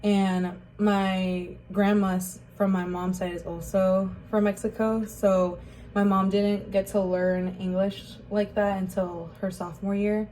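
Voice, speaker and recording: Speaking at a measured pace with a medium, mellow voice that stays fairly level, this young woman talks through her life in an interview. She's from Rockford, Illinois, USA, and her casual recollection is hesitant, peppered with "um" and "like." The recording is rough, with a bit of hiss or hum.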